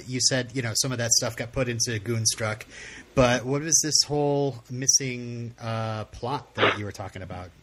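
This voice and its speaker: Male host, casual interviewer, halting questions, slightly husky. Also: medium pitch, a bit bright. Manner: hesitant, many restarts and fillers, friendly. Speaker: podcast host.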